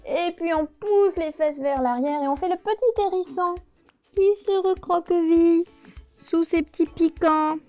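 High-voiced woman guiding kids' yoga. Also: a little slow, soft background music. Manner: gentle, encouraging, playful instructions. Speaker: yoga teacher. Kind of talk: guiding a children's yoga class.

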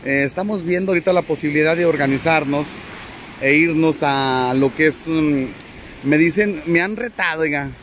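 A man live-streaming outdoors from a high spot by the sea, chatting and joking with his viewers and greeting them by name. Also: normal speed, a bit bright, slight background noise. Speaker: vlogger. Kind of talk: casual live stream from the seafront.

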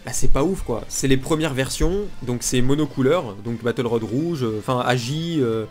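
A man's voice: mid-range voice, moderate pace, darkish tone. A man with a blocked, nasal, congested voice, giving blunt, casual, unscripted gaming commentary. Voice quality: nasal, blocked-nose sound. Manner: blunt, informal griping. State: congested from pollen allergy. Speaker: gaming video creator. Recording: music behind the voice. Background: music.

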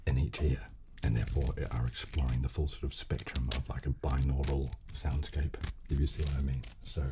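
In a small room at a table, a man in his thirties whispers and speaks softly into a close studio microphone for an ASMR video, giving casual instruction in a gentle, hesitant way. His pitch is extremely low and his tone level, the delivery fairly quick, and the recording very noisy, with a hushed, at times breathy whisper.

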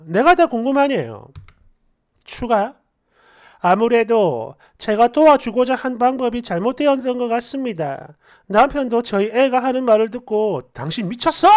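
A woman narrator reads online posts and comments aloud, scolding and sarcastic as she goes. Her pitch is mid-range but moves a lot and animatedly. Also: a little mellow.

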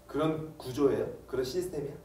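A man's voice: mid-range voice, brisk, mellow. A man with a South Korean accent asking questions in a casual interview, recorded from a distance in a room. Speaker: interviewer off camera. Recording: distant roomy mic, faint background noise.

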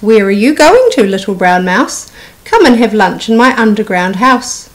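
A woman's voice: medium pitch, sing-song, moderate pace, close to an everyday voice. A woman voicing a sly, easily startled male fox in a children's storybook. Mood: coaxing.

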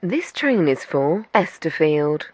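A woman as formal train announcement voice, lowish pitch, lively intonation, measured delivery. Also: a little hiss or hum, exaggerated voice. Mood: formal, neutral. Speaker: automated onboard train announcer.

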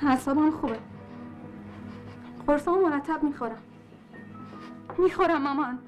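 A young woman nurse, anxious yet defiant, as an actress plays her, speaks in a high voice. She is earnest and insistent, turning scornful when challenged, as in a film drama. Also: soft background music, close to an everyday voice. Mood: pleading. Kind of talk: film dialogue.

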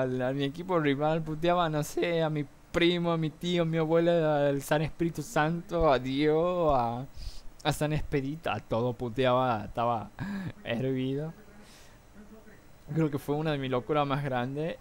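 A young man with an Argentine accent chatting casually to his viewers from home, telling stories with sound effects on a cheap mic. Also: mid-range voice. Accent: Argentine Spanish. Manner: excitable storyteller, mimics noises and shouts. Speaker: gaming vlogger. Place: room at home with a fan running. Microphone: cheap desktop mic. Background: faint fan hum.

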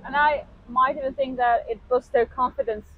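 A woman's voice: high voice, steady tone, moderate pace, a little hiss or hum. A woman, asking questions as an interviewer on a walk outdoors. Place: outdoors in a park, walking. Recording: slightly dull lapel mic sound.

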